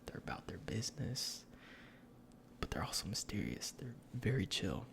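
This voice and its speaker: A man in a whispered role-play as a salesman, speaking in a breathy, gravelly whisper with informal, hesitant explanations. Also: on the low side, very animated, normal speed. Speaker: ASMR performer playing a cologne salesman.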